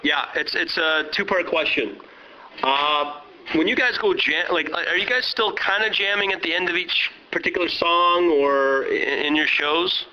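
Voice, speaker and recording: A man interviewing a musician over a muffled speakerphone, asking halting questions full of restarts. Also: on the high side. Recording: muffled lo-fi phone line, faint hiss.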